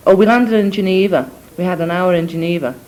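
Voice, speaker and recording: A woman's voice: on the low side, quick pace, a little mellow, rough recording. Chatty young woman with a Scouse-Scots accent. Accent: Scouse mixed with Scottish. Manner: chatty and rambling, with many ums and asides. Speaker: letter writer. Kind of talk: spoken cassette letter to family. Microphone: cassette or dictaphone recorder.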